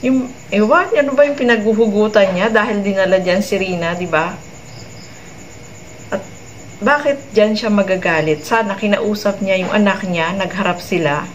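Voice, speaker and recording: A woman hosts a vlog, commenting chattily on a clip for her viewers and ending many remarks with tag questions. Her mid-range voice moves at a normal speed. The recording is rough, with a little hiss or hum.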